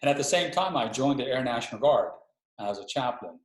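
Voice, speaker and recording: A man's voice: medium pitch, expressive, brisk. Reflective middle-aged man on a roomy call. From Hawaii. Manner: reflective, hesitant, restarts often. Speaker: Army chaplain, guest. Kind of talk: conversational webinar interview. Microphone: video call. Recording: roomy echo.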